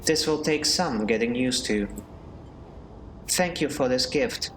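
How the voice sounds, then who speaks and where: A man voicing a calm, curious station AI in a flat robotic manner while reading a game aloud. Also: medium pitch, slow pace, a little hiss or hum, poor audio. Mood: wondering. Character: calm male-voiced station AI, curious and formal.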